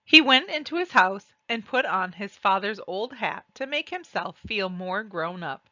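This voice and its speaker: A woman reading a children's storybook aloud and describing its pictures, with deliberate, expressive phrasing. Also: mid-range voice, no room sound, highs cut off. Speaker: read-aloud narrator.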